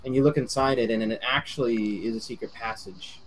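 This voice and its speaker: A man's voice: medium pitch, steady tone, a little fast, a little hiss or hum, low-quality recording. A man narrating as game master in a tabletop game over voice chat, talking casually and rambling with fillers.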